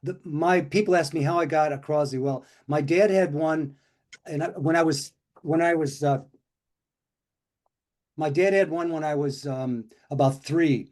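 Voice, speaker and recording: A man's voice: fairly high pitch, unhurried, a little mellow. An older man co-hosting a casual chat, telling stories in a rambling way with many restarts and fillers. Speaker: co-host.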